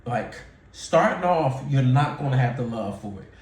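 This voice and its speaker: Speaking straight to camera, a man in his 40s gives frank, laid-back advice, circling back to the same points with plenty of filler words, YouTuber style. He has an expressive, mid-range, somewhat dark voice at normal speed, sounding far from the mic in a roomy space.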